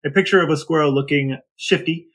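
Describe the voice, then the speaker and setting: A middle-aged man co-hosting a podcast tells stories in a casual, comic way, grumbling and exasperated. His voice is fairly high, brisk, and a bit bright.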